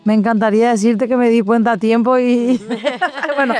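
Woman telling her story slowly, lots of "eh" and "verdad", soft music under it. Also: on the high side, steady tone. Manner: reflective, frequent hesitations and tag questions. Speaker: guest. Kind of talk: personal testimony in conversation.

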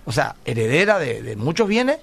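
A man's voice: a little high, sing-song, normal speed, creaky, a bit bright, slightly rough. A middle-aged man, a pastor hosting a radio call-in program, telling stories earnestly and often asking "¿verdad?". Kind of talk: radio call-in talk, answering listener messages.

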